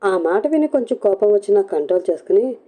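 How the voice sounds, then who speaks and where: A woman narrating a serialized story in a steady, expressive way. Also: medium pitch, fairly quick.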